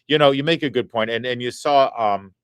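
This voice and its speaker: Speaking a little fast in a clear, resonant, medium-pitched voice, a talk show host reads out viewers' super chats during a casual live stream from a studio set. He adds wry, chatty comments, and the audio is dry and clean.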